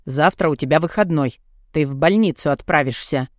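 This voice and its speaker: A woman's voice: low-pitched, brisk, dry recording, clean studio sound, pitched below the performer's own voice, lightly acted. A woman voicing a big, blunt young man in an audiobook, growling and curt. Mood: gruff, bossy. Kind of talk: audiobook character voice.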